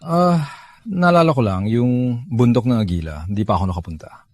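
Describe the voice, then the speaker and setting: A man's voice: medium pitch, expressive, normal speed, darkish tone, dry recording, natural voice. An actor dubbing an easygoing, playful young male pilot in a drama. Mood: friendly. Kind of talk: dubbed drama acting.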